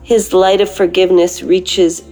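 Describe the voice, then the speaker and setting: A woman with a gravelly whiskey voice, hoarse from a cold, leaving an informal prayer message as a caller. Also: lowish voice, flat delivery, unhurried, mellow, soft background music, low-quality recording. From Canada. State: has a lingering cold.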